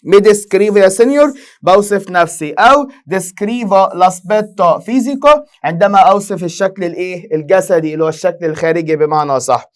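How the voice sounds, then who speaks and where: Egyptian guy teaching exam prep super fast, high voice, asks and answers his own questions. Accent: Egyptian Arabic. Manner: drilling students with rhetorical questions and quick answers. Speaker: Italian language teacher.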